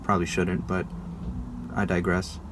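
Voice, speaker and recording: A young American man presents his school project in a video, narrating informally to viewers like a casual vlog. His voice sits low, monotone and unhurried, with background noise present.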